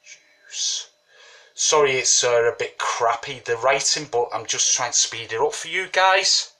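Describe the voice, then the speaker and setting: In an unhurried, bright and forceful mid-range voice with lively intonation, a man shares a home brewing recipe at his kitchen table. He has a slight cold and sniffles, and his casual tutorial rambles along chattily, dotted with "you know what I mean."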